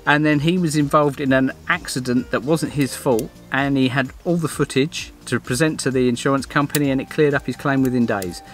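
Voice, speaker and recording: A man's voice: mid-range voice, brisk, few pauses, soft background music. Easygoing middle-aged man reviewing gear. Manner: rambling, restarts often, plain and friendly. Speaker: vlogger reviewing a dash cam. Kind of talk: casual product review.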